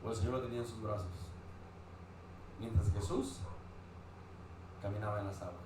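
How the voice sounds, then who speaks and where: A man's voice: on the low side, steady tone, moderate pace, recorded from a distance. A man preaching a sermon, asking the congregation questions as he goes. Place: church hall. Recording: very echoey church hall, faint noise.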